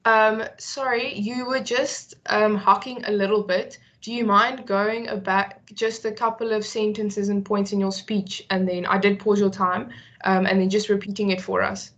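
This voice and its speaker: A woman's voice: mid-range voice, flat delivery, moderate pace, fairly bright tone. Polite woman moderator on a dull line. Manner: polite, friendly, procedural. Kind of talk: chairing a candidate session.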